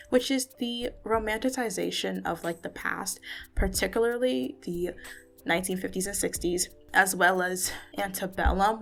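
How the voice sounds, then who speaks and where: A tired female YouTuber rambles casually in a talking-head vlog, her medium-pitched, creaky voice muffled because she's recording under a blanket. She uses lots of fillers and keeps restarting her sentences.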